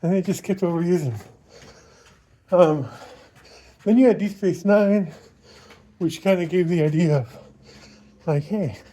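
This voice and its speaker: A man with a high voice and a soft, mellow tone records a casual vlog while running. He rambles informally through his opinions, thinking aloud as he goes. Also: a little slow, long pauses. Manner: talking while out on a run. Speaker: vlogger.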